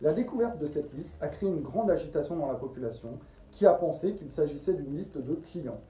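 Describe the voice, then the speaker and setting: A man's voice: a little high, expressive, brisk, mellow. A man narrating a scripted true-crime story as a storyteller and host. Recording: roomy echo, distant from the mic.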